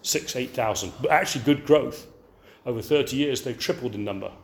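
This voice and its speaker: An older man from England preaching a sermon, animated and often checking in with the audience with rhetorical questions. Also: mid-range voice, brisk.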